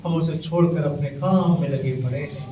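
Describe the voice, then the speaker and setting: A man preaching an impassioned sermon, chanting Arabic verses slowly between plain exhortation. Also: on the high side, warm tone. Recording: echoey, distant, faint hiss.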